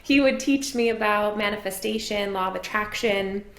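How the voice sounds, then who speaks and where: A woman's voice: medium pitch, normal speed, a bit bright, reverberant. A woman from Maine, a relationship and business coach, talking earnestly and reflectively as an interview guest. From Maine, USA. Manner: earnest, reflective, rises when enthusiastic. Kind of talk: casual interview talk.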